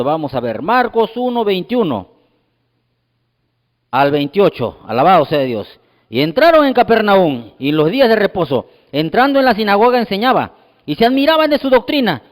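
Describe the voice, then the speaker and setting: High-voiced male preacher in echoing hall. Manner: emphatic, repeats praise refrains between points; reads scripture passages aloud. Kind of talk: sermon. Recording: long reverberant hall.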